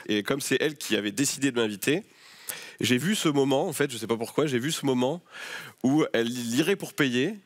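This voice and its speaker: A man's voice: medium pitch, animated, brisk. A man on a game show telling a prank story in a sheepish, joking way. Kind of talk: telling an anecdote. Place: TV studio.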